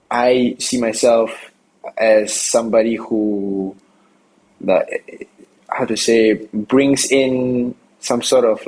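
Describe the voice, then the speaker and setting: A young rapper from Singapore is interviewed outdoors, answering casually with plenty of fillers and restarts. His voice is fairly low, a little mellow and slightly rough, and the audio quality is poor.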